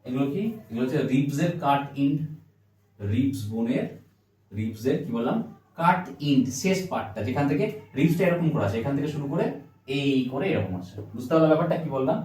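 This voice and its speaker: A man's voice: medium pitch, lively intonation, brisk, a little mellow, a little hiss or hum. A man teaching biology at a board, firing questions at the class and answering them himself. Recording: roomy echo, mic at a distance.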